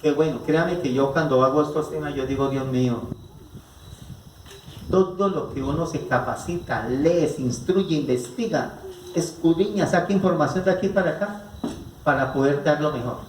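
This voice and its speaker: Captured from afar in an echoey rural hall with slight background noise, a Colombian man lectures an audience as a psychologist at a family conference. His fairly high voice has a darkish tone and normal speed, and he poses questions to listeners, often repeating "¿no es cierto?".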